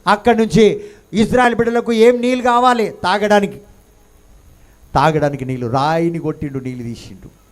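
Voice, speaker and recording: A man preaching a sermon, firing rhetorical questions and swinging between hushed and loud delivery, mixing in English phrases. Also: sits high, fairly quick. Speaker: pastor.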